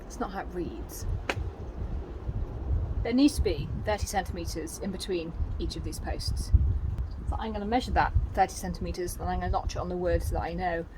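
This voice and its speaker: A woman's voice: fairly low pitch, moderate pace, noisy background. A woman chatting practically through a DIY vlog as she works on her garden deck, with self-deprecating asides. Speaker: DIY vlogger. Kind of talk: casual vlog narration while working.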